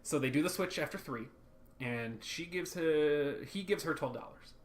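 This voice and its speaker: A man's voice: on the high side, moderate pace. A man co-hosting a podcast, chatting casually and at length about a cartoon episode, acting out lines from it. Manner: rambling, animated, acts out quotes. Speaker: podcast co-host.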